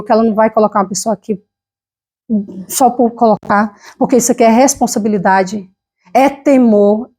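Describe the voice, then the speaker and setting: Fervent Brazilian woman preaching, slightly high. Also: a little mellow. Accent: Brazilian Portuguese. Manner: fervent, repetitive, emotional preaching. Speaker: lay preacher. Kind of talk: sermon with personal testimony. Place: church service.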